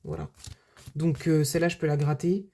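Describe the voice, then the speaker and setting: A woman's voice: low-pitched, fairly even intonation, normal speed, mellow. A woman budget vlogger chatting casually to her viewers, full of filler words and restarts. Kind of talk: casual vlog chat.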